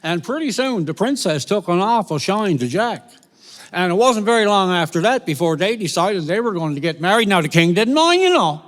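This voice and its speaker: A man with a Newfoundland accent telling a folk tale live at a concert, lively and folksy. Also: high-pitched, fairly quick. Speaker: storyteller. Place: concert venue, with audience. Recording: reverberant live concert hall.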